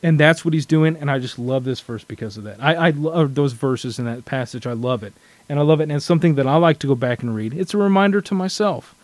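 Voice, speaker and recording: A man's voice: a little high, quick pace, no room sound. A man sharing his thoughts in a casual scripture study discussion, earnest and reflective, often restarting his sentences.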